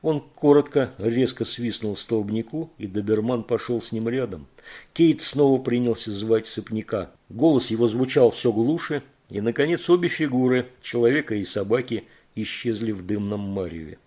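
A man reading a thriller audiobook in measured, even narration. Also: mid-range voice.

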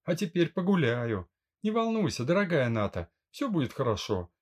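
A man reading a gentle young mother in an audiobook, soothing and talkative. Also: a little high, moderate pace, voice pushed up. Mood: gentle chatty. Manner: soothing, lively chatter. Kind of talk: audiobook character voice.

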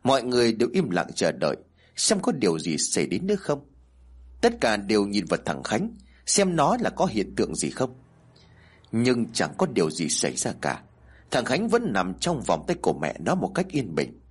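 A man reading a horror story aloud in a measured, dramatic manner. His voice is husky, and his pitch moves widely as he tells it. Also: huge pitch swings. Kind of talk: scripted horror story narration.

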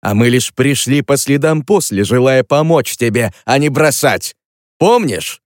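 A smug male rival taunts and mocks in a louder, raised voice, as the narrator plays him. It stays a man's voice, recorded close and dry in a storybook reading. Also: fairly high pitch, very animated, moderate pace, no echo, pitched above the performer's own voice. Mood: taunting. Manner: mocking, loud and taunting.

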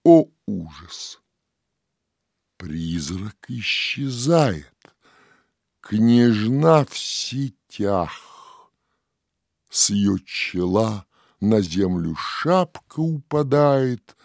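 A man recites narrative verse for an audiobook in a low, husky voice, taking it very slowly. His delivery is dramatic, sinking into whispers and swelling into loud cries. The sound is dry and close, with faint music underneath. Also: big pitch swings, no room sound. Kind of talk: poetry recitation.

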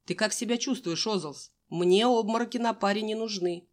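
A woman's voice: mid-range voice, moderate pace, pitched above the performer's own voice, close to an everyday voice. A woman voicing a stern male gym teacher who barks curt orders, in an audiobook.

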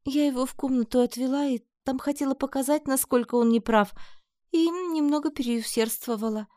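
A man voicing a sheepish young woman, an amazon sorceress, softly and apologetically. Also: very high-pitched, a little fast, no echo, clean studio sound, voice pushed up. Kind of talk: audiobook character voice.

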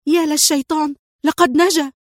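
A woman voicing a fierce, scheming female accomplice in a spy audiobook, speaking in a shrill, angry manner. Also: lively intonation, fairly quick, no echo, studio quality.

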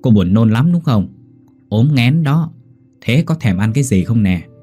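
A man voicing a loud, cheerful older village woman neighbor, exclamatory and bossy. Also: medium pitch, animated, unhurried, husky, soft background music. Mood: boisterous.

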